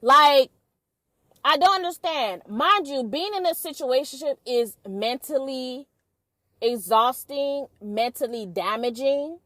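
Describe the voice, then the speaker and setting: A woman's voice: high-pitched, expressive, takes it slowly, pushed and bright, dry recording. A young woman hosting a vlog, talking bluntly and casually to camera with lots of profanity. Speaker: vlog host. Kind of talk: casual opinion monologue to camera.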